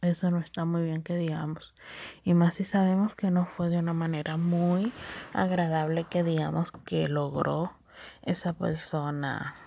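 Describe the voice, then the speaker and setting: A woman from the Dominican Republic hosts a solo podcast in a low, gravelly, warm voice with a Dominican accent, on a dry recording. She's chatty, laughs often, and keeps repeating catchphrases.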